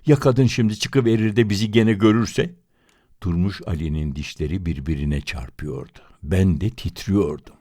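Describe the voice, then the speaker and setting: A man reading a literary story aloud in first person, with an expressive, dramatic manner. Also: sits low, normal speed, dry recording, studio quality. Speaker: audiobook reader.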